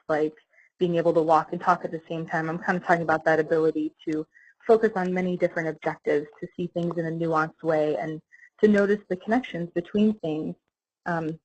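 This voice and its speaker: A woman giving a prepared webinar talk in an earnest, reflective way, often pausing with "um". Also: fairly low pitch, breathy edge, rough recording. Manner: earnest, reflective, frequent ums. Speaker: webinar speaker. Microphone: online call.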